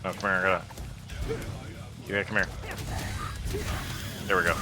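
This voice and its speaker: A man plays a game and commentates in a casual let's-play, joking, swearing, and using slangy speech over the game music. His voice is low-pitched and level in tone, and he speaks a little slowly.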